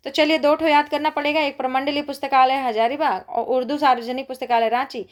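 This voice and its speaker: A woman's voice: high voice, steady tone, a little fast. A woman, teaching an exam-prep lecture in an encouraging, conversational way as she reads lists aloud.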